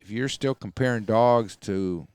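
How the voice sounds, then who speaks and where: A man's voice: fairly low pitch, measured pace, darkish tone, clean tone, dry recording. A man who owns a hunting dog kennel, telling stories in a folksy, rambling way full of fillers, recorded for a podcast. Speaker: coonhound kennel owner. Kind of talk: casual storytelling.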